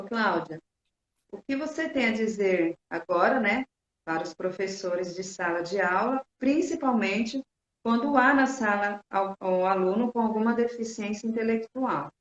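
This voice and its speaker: Woman moderator on roomy, dull audio. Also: medium pitch. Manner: slow, hesitant questions with tag questions. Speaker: interview moderator, educator. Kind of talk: live stream interview. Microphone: video call on a live stream.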